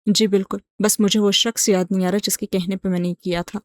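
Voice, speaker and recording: A woman's voice: medium pitch, level tone, natural voice. A woman voicing a bitter, betrayed young man. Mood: sarcastic. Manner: accusing, wounded, sharp questions.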